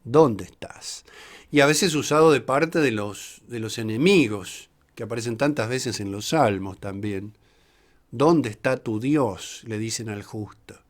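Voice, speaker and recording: A man, a priest teaching a Bible class in a slow, reflective way, pausing often and reading verses aloud. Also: on the low side.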